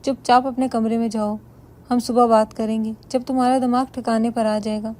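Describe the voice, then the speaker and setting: A woman's voice: on the high side, little pitch movement, warm tone, natural voice. A woman voicing a wealthy husband who speaks coldly and commandingly. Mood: stern. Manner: cold, commanding. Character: wealthy husband, stern, controlling man.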